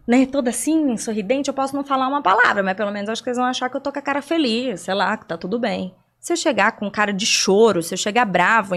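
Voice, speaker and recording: A young woman from Brazil talks as a guest in a podcast interview, her voice sitting on the higher side. She explains at length and keeps her listeners involved with rhetorical questions and everyday examples.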